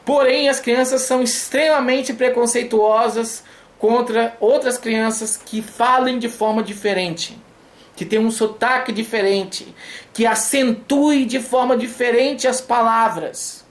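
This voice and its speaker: A woman explaining ideas from her book in a video lecture. She halts and repeats words, and often checks in with the viewer. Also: mid-range voice. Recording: echoey room.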